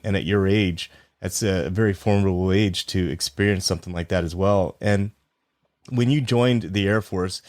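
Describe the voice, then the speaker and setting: A man's voice: low voice, a little mellow, dry recording, studio quality. A man in his forties hosting a military veteran podcast, asking interview questions in an earnest, upbeat way. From United States. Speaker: podcast host.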